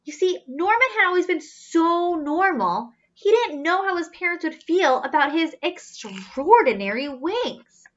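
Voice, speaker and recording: Reading a children's story aloud, a woman with a very high voice performs it expressively, tossing in simple questions and asides for young listeners. She gasps and stretches out words for emphasis, and the recording sounds lo-fi.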